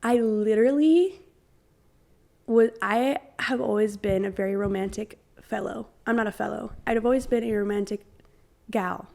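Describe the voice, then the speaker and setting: A woman's voice: medium pitch, moderate pace, creaky, darkish tone. A young woman co-hosting a podcast in casual chat, rambling with lots of fillers and playful acted-out quotes. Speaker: podcast co-host.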